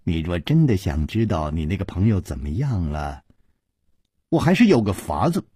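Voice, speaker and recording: A storyteller voicing a cheeky young male servant who teases and speaks in sly, low asides. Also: big pitch swings, normal speed, husky, no echo, studio quality, heavily acted. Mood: teasing. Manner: teasing, sly, soft asides.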